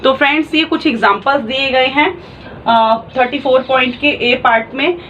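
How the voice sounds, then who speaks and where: A woman's voice: high-pitched, normal speed, fairly bright tone, lo-fi sound, slight background noise. A woman teaching a shorthand class online. She explains patiently and spells out sounds step by step.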